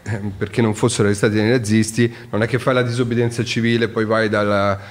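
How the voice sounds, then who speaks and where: A man's voice: on the low side, fast talker. A middle-aged man, a podcast guest talking earnestly and explaining his views in casual conversation. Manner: earnest, explanatory, animated when telling stories.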